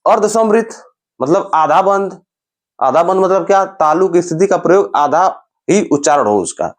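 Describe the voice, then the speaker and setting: Animated, lively male teacher. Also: high-pitched. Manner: explains slowly, repeats sounds and terms, often says "dekhiye". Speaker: Hindi grammar teacher. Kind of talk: classroom-style lecture.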